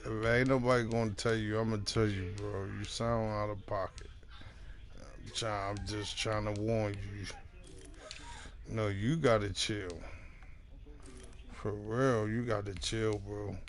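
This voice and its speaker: A young man streaming a football video game, teasing and mocking his opponent in slangy casual trash talk. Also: on the low side.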